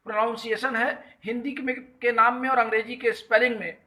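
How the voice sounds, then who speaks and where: A man's voice: very high-pitched, flat delivery, fairly quick, sharp tone, low-quality recording. A middle-aged man from Uttar Pradesh with a Hindi accent of that region, hosting a live call-in health talk, greeting callers and explaining an article point by point in an earnest tone. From Uttar Pradesh, India. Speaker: host of a health talk show.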